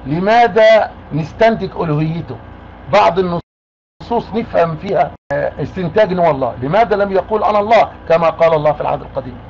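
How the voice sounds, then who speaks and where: A man's voice: sits high, fast talker, creaky. Insistent Egyptian man on a lo-fi call. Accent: Egyptian Arabic. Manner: insistent, repeats demands. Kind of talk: argumentative phone call. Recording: muffled lo-fi call with faint noise.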